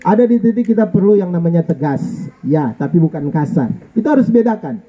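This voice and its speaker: A man's voice: high voice, expressive, fairly quick, warm tone, highs cut off. A middle-aged male pastor, preaching a jokey, playful sermon and calling for amens. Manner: jokey, playful, asks congregation for amen. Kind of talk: lively sermon. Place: church.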